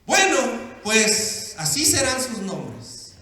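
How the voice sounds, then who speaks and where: A man's voice: high-pitched, wildly swooping pitch, slow pace, sharp tone. A male pastor preaching a sermon, playful and acting out the characters in his stories. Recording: echoey hall with long reverb.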